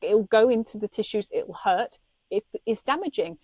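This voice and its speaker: A woman's voice: medium pitch, animated, moderate pace, mellow, no room sound. Impassioned woman podcast host. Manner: impassioned, indignant, laughs often. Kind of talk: passionate podcast chat.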